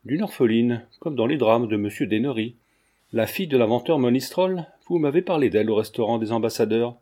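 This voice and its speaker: A man voicing a sly, teasing young gentleman in a mocking tone, reading a French novel as an audiobook. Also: medium pitch, fairly quick, natural voice.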